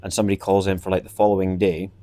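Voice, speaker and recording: A man's voice: sits low, level tone, very fast, mellow. A man hosting a casual chat, rambling with plenty of fillers. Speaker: host.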